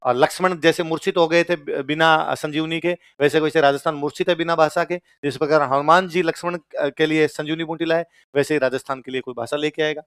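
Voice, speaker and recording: A man's voice: fairly high pitch, fairly quick, few pauses, clear, resonant tone, dry recording, studio quality. A young man with a Rajasthani accent, giving a joking classroom lecture and quizzing his students. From Churu, Rajasthan. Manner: lively, jokey, asks the class questions. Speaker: teacher.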